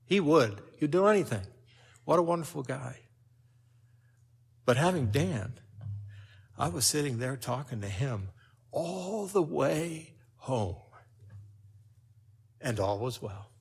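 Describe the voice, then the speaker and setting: An older man preaching a sermon, telling a personal story with lively swings in loudness. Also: mid-range voice, slow pace, creaky, long pauses, slightly rough.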